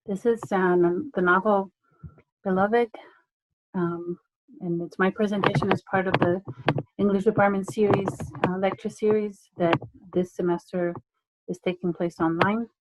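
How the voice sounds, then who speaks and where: A middle-aged woman from Romania, an English lecturer giving an online presentation in a measured way, pausing often with fillers. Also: medium pitch, steady tone, noisy background. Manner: measured, hesitant with frequent fillers.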